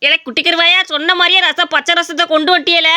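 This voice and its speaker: A woman's voice: very high-pitched, fairly even intonation, fast. A woman voicing a bossy village sister-in-law, scolding and ordering people about. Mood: cheerful.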